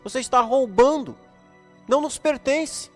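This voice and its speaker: A man voicing a very serious mother who scolds her son, speaking quietly and firmly. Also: very high voice, measured pace, pitched above the performer's own voice. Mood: stern. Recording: echoey hall with soft music.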